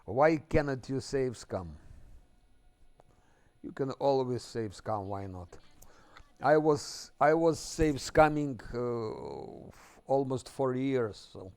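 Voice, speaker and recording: Slow-talking male streamer chatting casually. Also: medium pitch, animated, a little mellow. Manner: unhurried, thinking aloud, chuckles often. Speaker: game streamer. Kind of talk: casual live-stream chat while playing.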